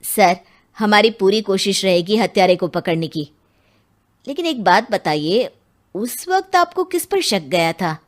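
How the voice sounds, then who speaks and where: For a Hindi cartoon, a woman takes on the role of a conscientious male police inspector, using an animated yet unhurried mid-range voice near her everyday sound. The inspector poses earnest, courteous questions and addresses others as sir.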